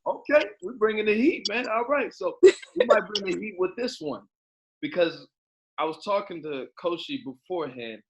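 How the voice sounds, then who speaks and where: A man's voice: high voice, lively intonation, moderate pace, slight background noise. A man hosting a casual panel show, playful and teasing as he moves the guests to the next question. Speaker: host. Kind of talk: podcast hosting.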